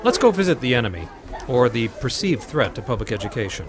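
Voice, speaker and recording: Measured male documentary narrator. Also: medium pitch, very animated, crowd noise, low-quality recording. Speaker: interviewer and narrator. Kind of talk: documentary interview questions and narration.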